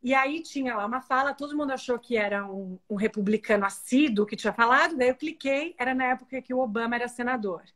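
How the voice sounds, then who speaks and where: A woman's voice: a little high, fast talker, few pauses, fairly bright tone. A woman from Brazil, a university professor, telling a classroom story in a casual video chat.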